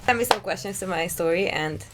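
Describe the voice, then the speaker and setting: A young woman from Hungary, a singer-songwriter guest talking casually in an interview, chatty and relaxed, full of "you know" fillers. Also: fairly low pitch, fairly quick, background noise.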